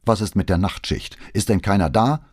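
A man's voice: sits low, sing-song, moderate pace, a little mellow, slightly rough, no echo, clean studio sound, heavily acted. A man reading the part of an irritated police commissioner, giving curt orders. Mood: curt, commanding. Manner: curt, commanding.

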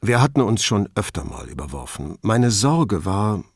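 A man voicing an older male count, grieving and halting, quick to flare up. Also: lowish voice, very animated, husky, no echo, clean studio sound, heavily acted. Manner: halting, heavy with grief.

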